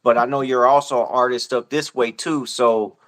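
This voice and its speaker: A man's voice: medium pitch, steady tone, normal speed, a bit bright. A man hosting an online talk show, asking loose, easygoing questions in slangy speech. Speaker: show host. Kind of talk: casual interview chat.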